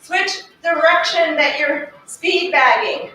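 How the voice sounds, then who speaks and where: A woman's voice: extremely high pitch, takes it slowly, pushed and bright, recorded from a distance. A woman fitness instructor leading an exercise class in a carpeted studio, cueing moves while exercising and slightly out of breath. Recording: very echoey room, voice off-mic, faint music.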